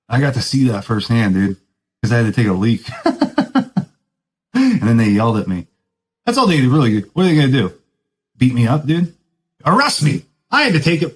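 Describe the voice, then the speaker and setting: A podcast host delivers a casual storytelling monologue, rambling in laid-back surfer slang and keeps saying "dude." His pitch leaps all over, high to low, and he teases himself and laughs frequently, all on a low-quality recording.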